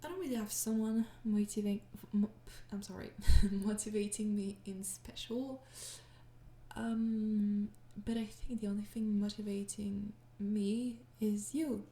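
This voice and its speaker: In an unhurried, steady mid-range voice, a young woman from France with a French accent takes questions from her ASMR audience. It's a soft-spoken, casual exchange; she's tired, hesitant, and apologetic, with frequent quiet laughs and slips into whispering, all in a roomy-sounding space.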